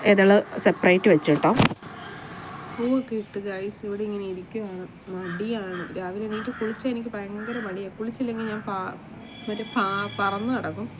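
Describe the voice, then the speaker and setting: Young woman chatting fast outdoors. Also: mid-range voice, rough recording. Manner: chatty, rambling, often trails off. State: voice changed by allergy, sneezy. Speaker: vlogger. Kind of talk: casual vlog narration. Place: outdoors at a home yard. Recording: outdoor vlog with loud ambient noise. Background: insects and animals.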